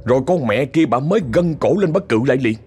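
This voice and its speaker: A man's voice: medium pitch, expressive, fast talker, a little mellow, slightly rough. A man with a Southern Vietnamese accent telling a story in a chatty way, talking straight to his listeners. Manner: chatty, addresses listeners directly, indignant asides. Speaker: ghost story narrator. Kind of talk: casual spoken storytelling.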